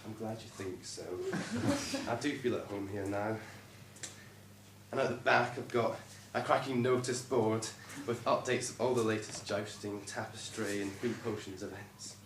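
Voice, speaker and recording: A man's voice: fairly low pitch, fairly even intonation, normal speed, natural voice. A man playing a proud, homely vice porter in a stage pantomime, chatting about his place. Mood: proud, chatty. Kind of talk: amateur stage pantomime acting. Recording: very noisy echoey hall, far from mic.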